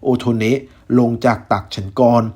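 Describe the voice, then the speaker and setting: A man voicing a weakened but tender man who speaks in a warm, reassuring way. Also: medium pitch, steady tone, normal speed, close to an everyday voice.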